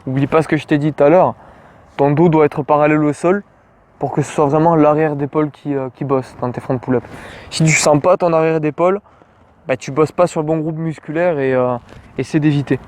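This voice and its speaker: A man from France teaches a pulling exercise in relaxed, informal speech, throwing in little jokes. His voice sits a bit high. Faint city traffic hums in the background. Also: brisk. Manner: informal, addresses viewer as tu, jokey asides. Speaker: calisthenics coach. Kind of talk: casual outdoor workout tutorial.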